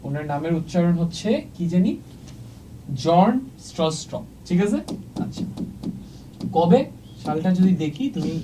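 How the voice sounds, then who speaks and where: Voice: mid-range voice, mellow, distant mic, slight background noise, poor audio. A teacher giving an exam-prep lecture while writing on a board, often asking the class if they follow and mixing English words into the talk. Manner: checks in often with "okay?"; mixes English words into speech.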